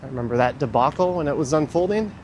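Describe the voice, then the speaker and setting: Walking outdoors on a wintry city street, this livestream host sniffles from the cold while offering casual, opinionated remarks. His voice is on the high side, animated and a little mellow, at a quick pace, with traffic and street noise clearly audible.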